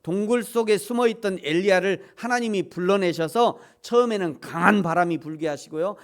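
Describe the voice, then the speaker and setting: Man, pastor's sermon in a church, lively rising and falling voice, fairly high, loud shouts dropping to hushed soft lines. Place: church sanctuary.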